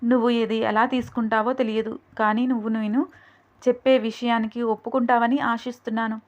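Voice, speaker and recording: A woman voicing an earnest young man who gently confesses his feelings. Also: on the high side, little pitch movement, fairly quick, muffled recording, lightly acted.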